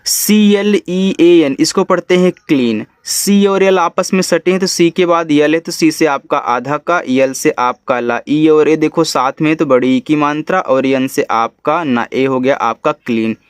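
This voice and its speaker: Slow-spelling Hindi-accented male teacher, dry sound. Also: fairly high pitch, clear, resonant tone, no echo. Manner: spells words letter by letter slowly, then explains. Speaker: English teacher. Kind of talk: spelling and reading lesson.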